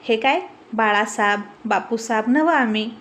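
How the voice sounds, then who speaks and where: A bossy, quick-witted village man, read by a woman narrator who barks orders at hotel staff. He scolds and teases in a commanding storybook voice, pitched fairly high. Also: a bit bright. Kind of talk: storybook reading with character voices.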